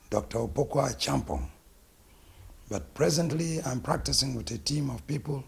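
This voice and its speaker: A middle-aged man from Ghana with a Ghanaian accent, a naturopathic physician introducing himself and his work in a deliberate, emphatic way. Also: mid-range voice, creaky, slightly rough. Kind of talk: self-introduction interview.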